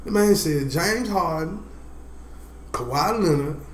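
A young man doing casual sports podcast commentary, full of slangy, loud, opinionated ribbing. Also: a little high, takes it slowly. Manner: animated slangy trash talk. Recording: roomy echo, faint background noise.

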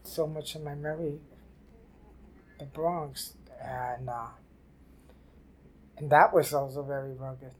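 An older woman from New City, telling her life story haltingly in an oral history interview. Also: sits low, fairly even intonation, breathy edge. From New York City. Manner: halting, repeats and restarts phrases. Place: library office.

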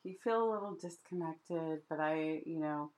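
A woman's voice: sits low, moderate pace, darkish tone, low-quality recording. A woman co-hosting a podcast, chatting casually and playfully with her husband, laughing often and using lots of fillers. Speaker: podcast co-host. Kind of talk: casual chat.

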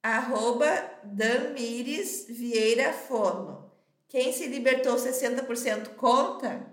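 Brazilian woman podcast co-host, chatty and emphatic, slightly high voice, echoey room. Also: takes it slowly, fairly bright tone. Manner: chatty, emphatic, tags phrases with "tá?". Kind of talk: casual chat, reading listener comments.

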